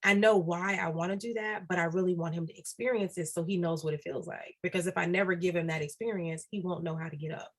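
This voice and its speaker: A woman's voice: lowish voice, fairly even intonation, quick pace, few pauses. A woman guest on a podcast interview, talking earnestly and repeating key phrases for emphasis. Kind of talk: reflective podcast interview talk.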